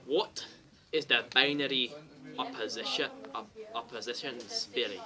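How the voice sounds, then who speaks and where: A teenage boy with an ordinary mid-range voice reads short questions slowly, pausing between the words. A crowded classroom murmurs behind him. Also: mid-range voice. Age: late teens. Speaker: student interviewer. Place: busy classroom. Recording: noisy classroom with chatter behind.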